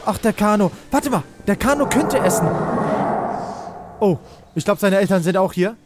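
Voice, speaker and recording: Ein Mann, der aufgeregt ein Spiel kommentiert, in Panik ruft und fleht und viel Jugendslang benutzt. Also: male voice, sits high, normal speed, heavy background noise. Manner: excitable, shouts and pleads in panic, youth slang. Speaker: let's play host. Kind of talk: excited gaming commentary.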